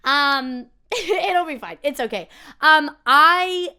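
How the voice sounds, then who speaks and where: A woman's voice: high voice, animated, slow pace, pushed and bright. A young woman chatting casually and self-deprecatingly as she reacts to her own audition tapes.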